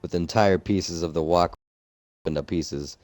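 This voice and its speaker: Deep-voiced young man, halting reading. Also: a little mellow, dry recording. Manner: halting, losing his place, restarting lines. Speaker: co-host reading a creepypasta aloud. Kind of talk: casual group reading of a story.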